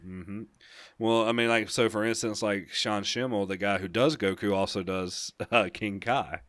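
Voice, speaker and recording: A young man co-hosts a casual gaming podcast in a lowish voice. He rambles enthusiastically through the news with easy laughs. The sound is close and dry. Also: fairly even intonation, normal speed, a bit bright, no echo. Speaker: podcast co-host.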